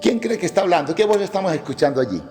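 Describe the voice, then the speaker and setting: Male pastor, emphatic sermon, high voice, echoing church hall. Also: lively intonation, very fast, darkish tone, faint music behind. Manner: emphatic preaching with rhetorical questions.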